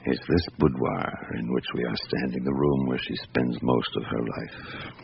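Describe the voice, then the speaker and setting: Deep-voiced, dry police inspector. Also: male voice, fairly even intonation, moderate pace, creaky. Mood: pensive, observing. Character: patient, dry, world-weary middle-aged male police chief inspector. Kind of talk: radio drama acting with interior monologue narration. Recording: dull, noisy old radio broadcast recording.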